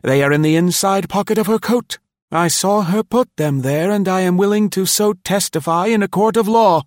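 A man reading aloud, voicing a scheming young male traitor who tries to sound calm but grows shrill. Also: measured pace, no room sound, studio quality, close to an everyday voice. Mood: accusing. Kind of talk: audiobook character reading.

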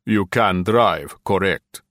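A man voicing a fat, ruddy older Soviet general with a rasping voice, giving slow, deliberate orders in an audiobook. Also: deep voice, fairly bright tone, dry recording, clean studio sound. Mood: commanding. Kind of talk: audiobook character voice.

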